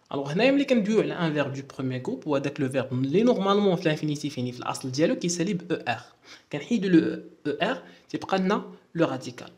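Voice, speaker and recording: Fast-talking Moroccan man teaching grammar. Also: fairly high pitch, a little mellow. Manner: spells out endings letter by letter, mixes in French terms. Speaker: French teacher. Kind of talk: explaining a French grammar lesson in Moroccan Darija.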